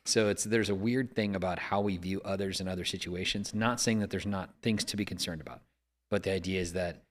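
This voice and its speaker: Deep-voiced man hosting, measured and reflective. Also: steady tone. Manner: measured, reflective, trails off and restarts. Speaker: podcast host. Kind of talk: casual discussion.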